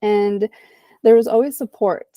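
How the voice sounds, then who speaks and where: A woman's voice: mid-range voice, steady tone, measured pace, warm tone, dry recording. A woman in her thirties from the Republic, speaking reflectively as a guest psychologist in a podcast interview. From Dominican Republic. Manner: reflective, often adds "right?" and "you know".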